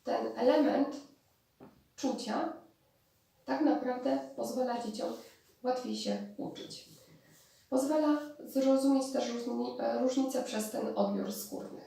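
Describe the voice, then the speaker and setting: Brief: woman therapist lecturing, a bit high and gravelly, recorded far off in a roomy hall. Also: slow pace, pauses often, dark tone. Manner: explanatory, with restarts and hesitations. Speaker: speech therapist. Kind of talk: spoken lecture on therapy methods. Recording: distant mic in very echoey room.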